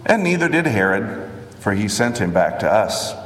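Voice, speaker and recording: A man voicing a stern, uneasy Roman governor during a measured scripture reading, in an echoey hall. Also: on the low side, very animated, fairly bright tone. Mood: questioning. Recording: echoey hall with long reverb.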